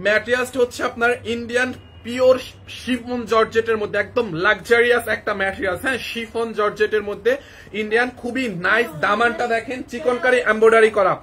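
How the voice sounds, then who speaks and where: A young man from Barisal with a cold, hosting a live clothing sale in an excited, rapid hard-sell patter. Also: extremely high pitch. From Barisal, Bangladesh. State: has a cold. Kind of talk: live shopping sales pitch.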